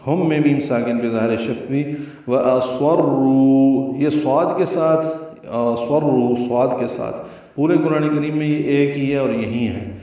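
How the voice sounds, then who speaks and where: A man teaching Quran recitation rules in a tajweed lesson, slowly and deliberately spelling out letter sounds. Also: mid-range voice, warm tone. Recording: very echoey, distant, dull lo-fi.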